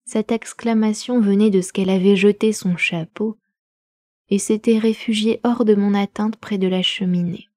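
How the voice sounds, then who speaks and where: A woman reading a novel aloud for a live homemade audiobook, slow, measured and expressive. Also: mid-range voice, dry recording, clean studio sound. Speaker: audiobook reader.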